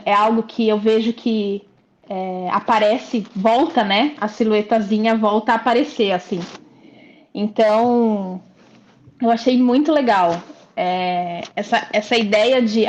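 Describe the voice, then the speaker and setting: A woman with a Brazilian Portuguese accent, a client chatting reflectively in an interview, often pausing to find her words. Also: on the high side, a little mellow. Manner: chatty, reflective, frequent hesitations. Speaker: client giving a testimonial. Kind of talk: casual interview. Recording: muffled lo-fi audio.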